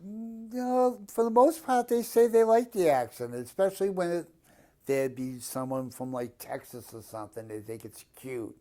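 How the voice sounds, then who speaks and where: A man's voice: on the high side, big pitch swings, moderate pace, warm tone. A man in his fifties with a Boston accent, chatting casually and bluntly as he answers an interviewer's questions. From Boston area, Massachusetts, USA. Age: 50s. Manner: blunt, plain-spoken, given to swearing. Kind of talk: casual chat.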